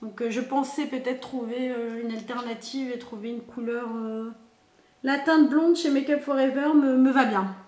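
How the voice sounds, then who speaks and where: A high-pitched woman talks casually as a beauty vlogger, thinking out loud and filling pauses. She is recorded on a camera mic in an echoey room at home. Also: fairly even intonation. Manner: chatty, many fillers, thinks aloud. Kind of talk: casual product unboxing and swatching.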